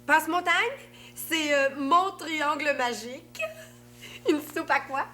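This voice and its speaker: A woman's voice: high-pitched, slow, pushed and bright, a little hiss or hum, exaggerated voice. A woman with a Québécois accent playing a playful, somewhat stubborn young character on a children's TV show, speaking emphatically. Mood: insistent. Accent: Québécois French. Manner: emphatic, insistent. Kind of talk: children's TV acting.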